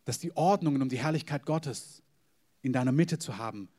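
Male preacher, sermon to a congregation, mid pitch, emphatic, whispered asides. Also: normal speed. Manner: emphatic, swings between loud stresses and whispered asides; addresses the congregation directly.

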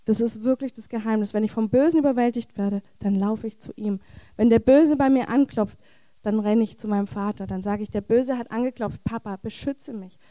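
Mellow-voiced woman preaching earnestly. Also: fairly high pitch, fairly quick, dry recording. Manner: earnest, heartfelt, repetitive phrasing. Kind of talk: charismatic sermon.

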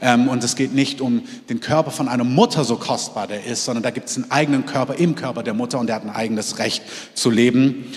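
A man preaching a sermon to his congregation, lively, moving between loud exclamations and quiet, intimate asides. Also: mid-range voice, quick pace, big-room sound. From half French, in Germany. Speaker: pastor. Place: church hall.

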